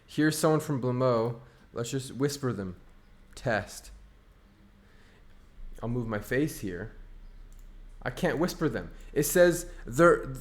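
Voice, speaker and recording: Guy streamer ranting about the game, sarcastic, kinda high voice. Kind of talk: casual gameplay commentary.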